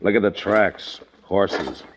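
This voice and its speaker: An actor playing a steady, world-weary American frontier lawman with a terse, dry, matter-of-fact way of talking, in 1950s radio western style. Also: deep voice, slow. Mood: grim. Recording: muffled, noisy vintage radio recording.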